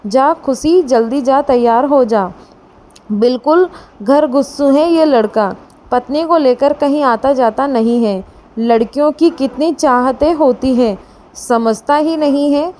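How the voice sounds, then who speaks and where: A woman voicing an affectionate older mother-in-law who coaxes her new daughter-in-law gently. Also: high-pitched, measured pace.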